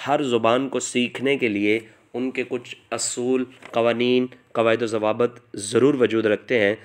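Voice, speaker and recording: A man's voice: mid-range voice, fairly bright tone. A man giving an online lesson over slides, asking questions aloud and repeating the answers. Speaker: language teacher.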